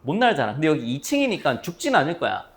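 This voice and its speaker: A man's voice: on the high side, fast talker. A man teaching math to a class, explaining with playful stories and acting out his students' voices. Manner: lively, playful storytelling with acted-out student voices. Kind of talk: classroom lecture.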